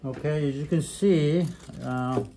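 A man's voice: a little high, slow, dark tone, a little hiss or hum. A man, a foot doctor, chatting encouragingly with a patient while cleaning a wound in a clinic. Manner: chatty, encouraging, many uh-huhs. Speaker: podiatrist. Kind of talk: casual chat while treating a patient. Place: clinic room.

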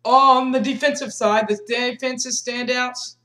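This young fan's voice is very high-pitched, steady and sharp, and he doesn't rush. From a small bedroom, using a webcam on his desk, he recaps a college football game, reading scores and stats in order and restarting now and then.

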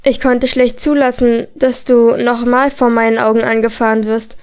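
A woman's voice: fairly high pitch, flat delivery, normal speed, clear, resonant tone, lightly acted. A woman voicing an earnest, worried young man in a storybook reading.

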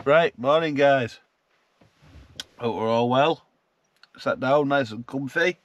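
In a slow, mid-range voice, a Yorkshire man chats jokily and informally with viewers as he vlogs about van life. The on-location audio is muffled yet dry.

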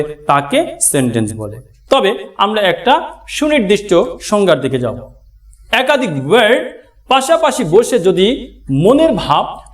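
A male teacher with a Bangladeshi Bengali accent, giving a classroom grammar lesson, addressing his students directly and slowly spelling out example words. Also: high-pitched. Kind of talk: classroom lesson explaining at a board.

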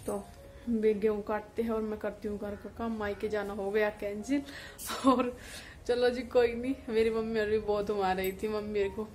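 A woman's voice: mid-range voice, a little mellow, a little hiss or hum. A young woman chatting to camera from a small room at home, talking casually with lots of fillers in a wistful tone. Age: young adult. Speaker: village vlogger. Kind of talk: casual vlog talk to camera.

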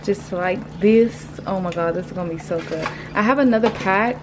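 A woman's voice: mid-range voice, moderate pace, background noise. Young woman chatting while cooking. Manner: chatty, relaxed, filler-heavy explaining while cooking. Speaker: vlogger. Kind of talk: casual cooking vlog. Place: home kitchen, indoors. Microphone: camera mic from a few feet away. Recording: roomy kitchen echo, distant mic, loud music underneath. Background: loud Afrobeat music.

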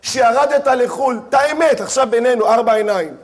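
Giving a sermon in a very high voice, a rabbi addresses his audience head-on and narrates the story, punctuating it with dramatic voiced asides.

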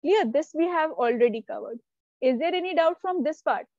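A woman's voice: high voice, lively intonation, normal speed, no echo, phone-quality sound. A woman teacher, giving a live online lesson and explaining step by step while checking that her students follow. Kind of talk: live online class lecture.

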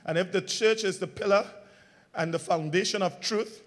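Speaking at normal speed, a male pastor delivers his sermon and asks the congregation call-and-response questions. His volume swings between loud emphatic lines and quiet low ones.

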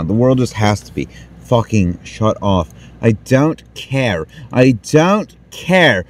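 High-voiced man ranting furiously. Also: no echo. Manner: furious, profane, frequently shouting. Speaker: gamer. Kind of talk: ranting gaming commentary.

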